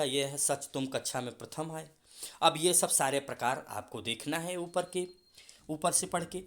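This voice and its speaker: हिंदी व्याकरण पढ़ाता पुरुष शिक्षक. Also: male voice, mid-range voice, a bit bright. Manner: explains slowly, repeats example words, addresses students as beta. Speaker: school teacher. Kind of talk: Hindi grammar lesson.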